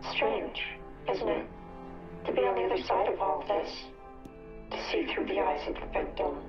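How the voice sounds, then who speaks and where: An actor whispering as a haunted, broken game character in a whispered role-play, soft and menacing, heard as dull, distant game audio. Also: medium pitch, lively intonation, unhurried, faint music behind, natural voice. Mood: eerie whisper. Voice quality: breathy whisper.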